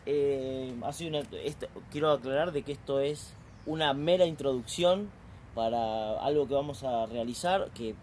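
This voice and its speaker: A man's voice: mid-range voice, moderate pace, a little mellow, slight background noise. A man from southern Argentina with an Argentine accent, interviewing a guest in casual talk and building his points hesitantly. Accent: Argentine Spanish. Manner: hesitant, with restarts and fillers while building a point.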